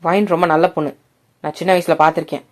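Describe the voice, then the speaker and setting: A woman voicing a stern middle-aged father who gives gruff commands to his son and soft, low reassurance to his wife. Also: fairly even intonation, fast talker, natural voice. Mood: reassuring.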